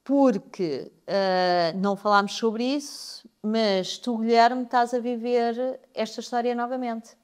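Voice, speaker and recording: A woman's voice: a little high, fairly even intonation, slow, few pauses, darkish tone, smooth. A woman hosting a podcast, leading a casual interview with prompting questions and frequent check-ins. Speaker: podcast host.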